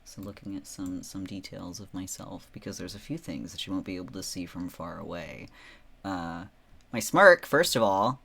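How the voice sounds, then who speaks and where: A man's voice: low-pitched, normal speed, vocal fry, a bit bright, slightly rough. A man chatting casually on a livestream in a playful, theatrical way, boasting with tongue in cheek.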